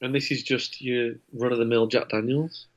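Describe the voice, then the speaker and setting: A man's voice: medium pitch, flat delivery, moderate pace, highs cut off. A man with an English accent, a rock singer guesting on a podcast, talking dryly and swearing casually over a video call. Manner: dry, wry, swears casually. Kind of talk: casual chat over drinks.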